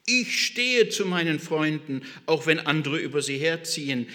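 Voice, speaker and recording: A man's voice: on the high side, lively intonation, normal speed, bright, forceful tone, in a large hall. A man playing a proud fourteen-year-old boy boasting of his loyalty.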